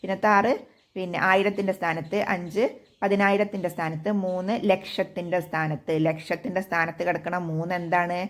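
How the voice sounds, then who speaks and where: A woman's voice: on the low side, level tone, brisk. Malayalam-accented woman teaching maths. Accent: Kerala Malayalam. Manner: asks and answers her own questions, patient. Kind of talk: textbook lesson for children.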